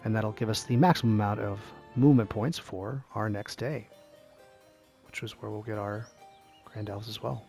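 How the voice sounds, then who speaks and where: A man calmly explaining a strategy game step by step as a tutorial host, drifting into rambling asides. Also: lowish voice, moderate pace, vocal fry, soft background music. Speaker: gaming YouTuber, tutorial host. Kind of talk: casual gameplay tutorial commentary.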